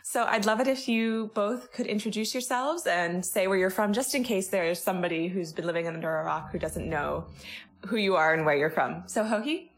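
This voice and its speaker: A woman's voice: mid-range voice, brisk. A woman interviewing two guests in a friendly, chatty way, laughing along. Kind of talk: casual interview.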